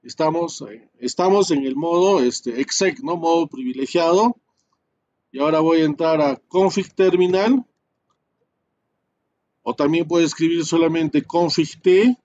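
Male instructor, higher-pitched, steps through commands slowly with fillers; dull lo-fi recording. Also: darkish tone. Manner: explains step by step, many fillers and tag questions. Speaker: networking instructor. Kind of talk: live screen-share class.

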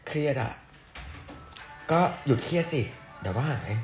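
A man's voice: medium pitch, expressive, moderate pace, a little mellow, roomy sound, faint music behind. A young man from southern Thailand, hosting a casual live stream and answering fan questions in a playful, teasing way. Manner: playful, teasing, jokingly coarse.

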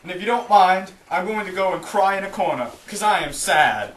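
A man's voice: high voice, expressive, a little fast, fairly bright tone, a little hiss or hum. A man playing a melodramatic, gloomy gang member in a homemade comedy skit, speechifying overdramatically. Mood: mock-mournful. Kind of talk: amateur comedy skit acting. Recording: echoey room, mic far off.

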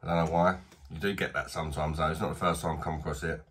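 Reviewing a beer in his small home bar, a British man in his thirties talks fast in a rumbling low, husky voice that's a bit bright. His intonation stays fairly even, and he's casual, blunt, and quick to make fun of himself.

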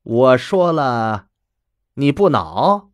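A blunt, probing old grandmother, put on by a man. She talks slowly and measuredly, leaning on each word, her pitch rising and falling with life, in a dry close recording. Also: big pitch swings, no echo. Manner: slow, measured, pressing questions.

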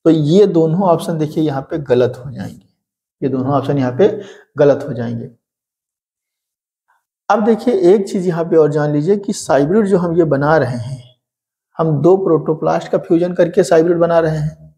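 A man teaching an exam-prep lesson in a mellow, relaxed voice. His pitch sits a touch high. He keeps asking rhetorical questions and answering them himself. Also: normal speed. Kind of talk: explaining a lesson.

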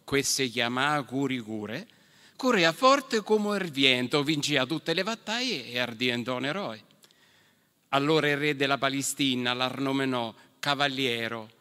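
A man telling a folk tale on stage in a Marche dialect from the Fabriano area, animated and theatrical. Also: mid-range voice. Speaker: storyteller. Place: stage in an event hall. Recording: reverberant hall.

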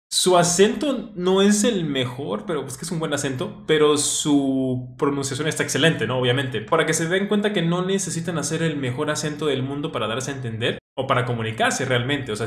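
Giving a casual language lesson on the channel he runs, a man talks enthusiastically and chattily, often restarting his sentences. The sound is roomy with slight background noise, and his voice is medium-pitched and a bit bright.

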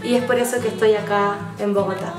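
A woman's voice: mid-range voice, steady tone. Chilean woman in her twenties, roomy. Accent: Chilean Spanish. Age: 20s. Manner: soft-spoken, reflective, with frequent "eh" pauses. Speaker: folk singer. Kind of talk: documentary interview. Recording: roomy sound from some distance, faint music under it.

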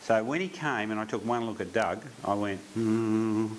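Man with a lowish voice telling animated anecdotes, faint hiss. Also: a little fast, poor audio. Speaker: painter. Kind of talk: storytelling interview.

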